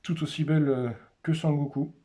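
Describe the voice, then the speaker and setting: A man hosting a casual unboxing, naming cards one by one in short, unhurried remarks. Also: a little high, fairly even intonation, mellow. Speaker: host opening a card display.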